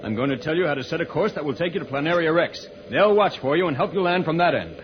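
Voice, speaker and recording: A man acts out a commanding space hero from an old radio serial. His voice sits a little high, and he instructs with steady authority and reassurance. The recording is dull, with faint noise. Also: quick pace, natural voice. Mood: reassuring, thoughtful. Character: heroic, calm, commanding male space adventurer. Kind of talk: 1950s radio serial acting.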